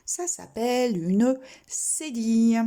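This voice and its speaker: A woman teaching a recorded primary school reading lesson, talking slowly and deliberately and spelling out letters and sounds one at a time. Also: fairly high pitch, animated, warm tone.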